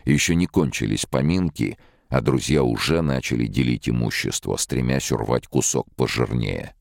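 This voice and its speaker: A man reading a novel aloud in an expressive, measured narration into a studio microphone. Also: a bass voice, gravelly, no echo. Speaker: audiobook narrator. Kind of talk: scripted literary narration.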